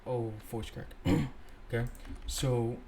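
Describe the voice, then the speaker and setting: A young tutorial host walks through code at his desk, loosely narrating his thoughts and pausing now and then to fix what he said. Under his ordinary-pitched male voice there's faint noise and the click of a keyboard.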